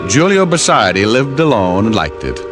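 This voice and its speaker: Over music, a man plays a laconic, world-weary American private detective narrating his case in a 1950s hardboiled radio drama. His voice is fairly low with big pitch swings and a moderate pace.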